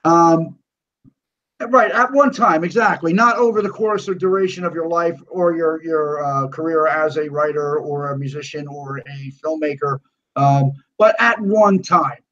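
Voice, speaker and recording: Animated high-voiced man ranting. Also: a little slow. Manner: animated, swearing rants. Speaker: podcast co-host. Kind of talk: casual chat. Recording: dull lo-fi sound.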